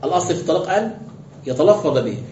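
Very fast and animated, this man's fairly high, slightly mellow voice carries a sheikh's commentary on scripture. He reads passages aloud and throws out rhetorical questions while explaining the texts to his class. Slight background noise sits in a roomy, dull lo-fi recording.

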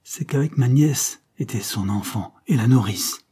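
A man reads a proud old marquis in a period novel, barking orders in rage and contempt. The voice is dark and husky, pushed louder and higher in his outbursts. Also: unhurried. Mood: contemptuous. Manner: commanding, enraged. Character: old nobleman, proud and furious.

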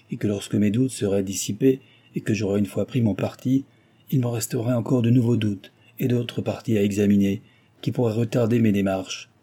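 A man voicing a passionate young gentleman suitor, speaking in a fervent, imploring and formal way. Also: mid-range voice, breathy edge, natural voice. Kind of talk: audiobook character reading.

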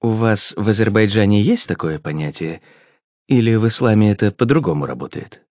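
A man voicing a British gentleman with a British accent and soft, mumbled consonants. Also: fairly low pitch, lively intonation, a little fast, no room sound, natural voice. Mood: curious.

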